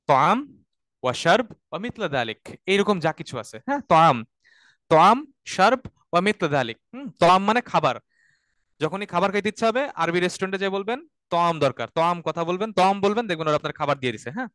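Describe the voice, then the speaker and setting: Male Quranic Arabic teacher, high clear voice, dry close mic, patient step-by-step drilling. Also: sing-song, fast talker, a bit bright, no room sound. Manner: explains step by step, repeats words for students to say after him. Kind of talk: online class lecture.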